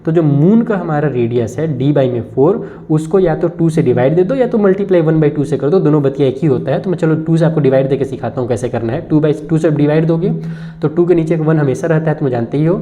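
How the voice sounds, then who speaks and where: A man's voice: on the high side, a little fast, mellow. A man teaching a maths lesson, explaining step by step and speaking directly to his students. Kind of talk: classroom math lesson. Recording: dull lo-fi recording.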